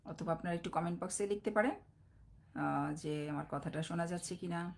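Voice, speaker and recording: A woman, a phonics teacher giving a live online class, mixing in English words and slowly drawing out each letter sound. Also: on the low side, steady tone, gravelly, a little hiss or hum. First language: Bengali. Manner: slow, drawn-out sounding of letters; mixes English words into explanations.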